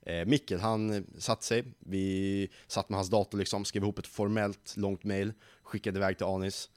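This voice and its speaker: A man's voice: on the low side, no room sound. A nineteen-year-old man, a young company founder, telling stories in a casual interview and acting out the people he quotes. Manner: lively storyteller who acts out quoted voices.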